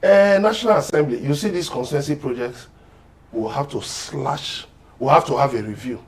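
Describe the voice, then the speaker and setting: A man with a Nigerian accent, medium-pitched and speaking at normal speed, is a panel guest in a political discussion, talking emphatically and urging others on.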